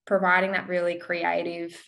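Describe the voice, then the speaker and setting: A woman hosting a webinar interview over a video call, gentle and encouraging in her questions. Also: lowish voice, completely flat delivery, normal speed, creaky. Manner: gentle, encouraging, many soft backchannels. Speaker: webinar host.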